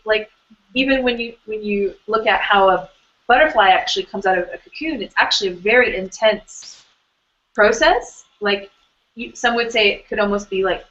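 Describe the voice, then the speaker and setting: A woman's voice: mid-range voice, a bit bright. A woman hosts an online hangout in an easy, conversational way, circling back through fillers and restarts as she talks. Her voice sits in a middle range. The sound is dull and lo-fi, like audio from a web call. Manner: chatty, rambling with many fillers and restarts. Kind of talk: casual conversational interview.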